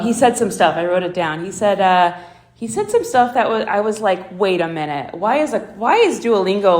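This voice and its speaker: Rambling woman comedian in echoey room. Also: mid-range voice. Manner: rambling, self-deprecating, laughs at own jokes. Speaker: stand-up comedian. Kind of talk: stand-up set. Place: comedy club stage.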